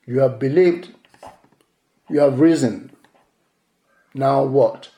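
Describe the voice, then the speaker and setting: A male pastor whose first language is Yoruba delivers a measured sermon, repeating key phrases for emphasis. His voice is mid-range and mellow, in an echoey room.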